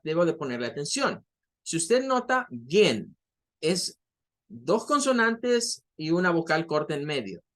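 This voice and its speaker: A man's voice: on the high side, a bit bright. A man who speaks Spanish as a first language, teaching English grammar and repeating key points patiently. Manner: models English words slowly. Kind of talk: online grammar lesson.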